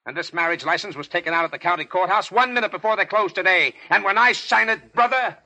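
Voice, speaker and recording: An actor playing a stubborn preacher with a formal delivery in a vintage radio drama. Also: male voice, high voice, fast, gravelly, sharp tone, exaggerated voice. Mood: insistent. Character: stubborn licensed preacher solemnly reciting wedding vows.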